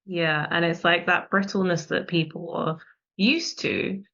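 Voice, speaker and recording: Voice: mid-range voice, fairly even intonation, unhurried, creaky, pushed and bright. A podcast host in a casual interview, responding supportively and adding reflections. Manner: supportive, frequent affirming backchannels. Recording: dull lo-fi audio.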